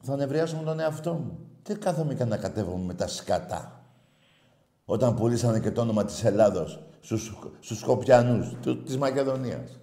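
A man's voice: expressive, gravelly, reverberant. Fiery ranting male call-in host. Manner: impassioned, swings from shouting to low muttering. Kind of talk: heated sports phone-in rant.

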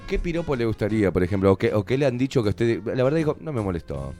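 A man's voice: mid-range voice, animated, very fast, warm tone, faint music behind. A Uruguayan man hosting a radio show, joking and teasing his co-host in playful banter. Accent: Uruguayan Spanish.

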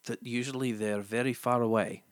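A man playing a distracted doctor in an improvised comedy scene, deadpan, murmuring "mm-hmm", his accent coming and going. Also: medium pitch, moderate pace, dry recording, clean studio sound, lightly acted. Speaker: improv performer.

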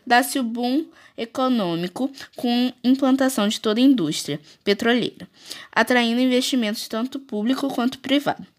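A woman's voice: a little high, moderate pace. A woman presents a school geography podcast, reading her script in short phrases. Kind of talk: read-aloud school presentation.

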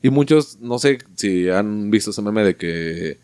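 Slangy Mexican man in lively chat. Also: fairly low pitch, measured pace. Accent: Mexican Spanish. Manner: slangy, profane, animated asides. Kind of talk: casual chat.

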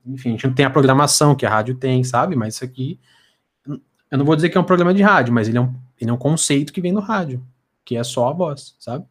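A man's voice: mid-range voice, lively intonation, fast talker. Brazilian man with a slushy, stammering lisp. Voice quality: tongue-tied lisp with slushy s. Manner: stammering, repeats words and syllables. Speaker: podcast guest. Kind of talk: casual podcast conversation.

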